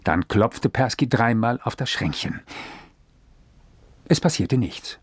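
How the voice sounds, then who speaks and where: A man reading a literary story aloud as narrator, with expressive storytelling. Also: medium pitch, takes it slowly, breathy edge, no echo.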